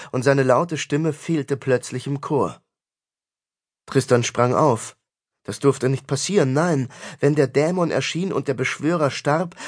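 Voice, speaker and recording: A man narrating a fantasy audiobook in a measured, dramatic storytelling manner. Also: mid-range voice.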